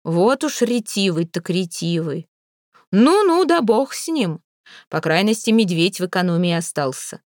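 A woman's voice: sing-song, a little slow, dry recording. A woman voicing a fussy middle-aged widow handing out an inheritance in a placating tone, dry close sound. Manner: placating, then shrill.

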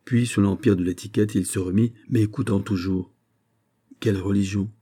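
A man reading a classic novel aloud as an audiobook narrator, in a measured, steady way. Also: on the low side, slightly rough. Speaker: audiobook reader. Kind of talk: scripted narration.

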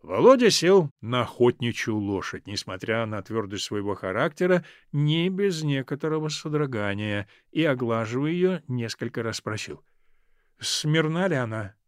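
A man reading a literary story aloud as an audiobook narrator, in an expressive storytelling manner. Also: medium pitch, normal speed, few pauses, no echo, studio quality.

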